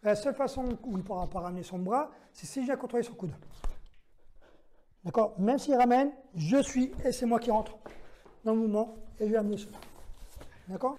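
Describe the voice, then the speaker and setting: Very high-voiced yet dark in tone, this man leads a self-defense class, talking a little fast with long pauses. While demonstrating, he walks through every move step by step, counts them out loud, and asks "d'accord?" to check in.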